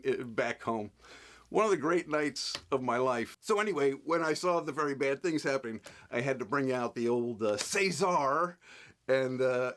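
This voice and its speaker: An actor in an interview, spinning a profane anecdote with a lively, swinging delivery. He jumps into other people's voices as he tells it. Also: mid-range voice. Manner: animated storyteller, profane, acts out voices.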